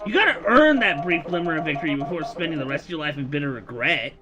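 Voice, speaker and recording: A man voicing a gleeful, scheming male demon who talks through a phone, showy and excitable in a sing-song way. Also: fairly high pitch, fast talker, pitched above the performer's own voice, close to an everyday voice. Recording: music playing behind voice.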